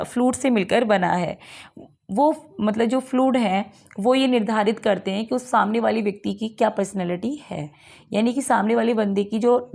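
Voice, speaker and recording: A woman teacher explaining English literary terms for an exam, reading definitions slowly and then going over them in mixed Hindi and English with lots of rhetorical questions. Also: medium pitch, vocal fry, a little mellow.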